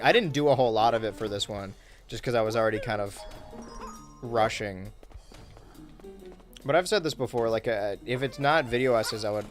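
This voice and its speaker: Laid-back young man streaming a game. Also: mid-range voice. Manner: laid-back, wry, reads chat aloud while playing. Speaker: streamer and YouTuber. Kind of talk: casual gaming livestream chat.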